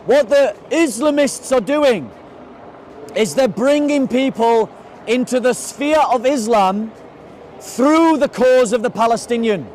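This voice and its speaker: A man giving a forceful, rallying open-air speech outdoors. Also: very high-pitched, slight background noise, rough recording. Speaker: street preacher. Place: outdoors in a city park.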